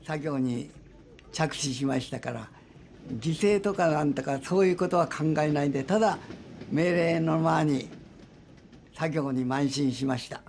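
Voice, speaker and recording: Old man from Japan, fairly high voice. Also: darkish tone, slight background noise. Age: 90s. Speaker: former soldier. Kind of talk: recalling memories in interview.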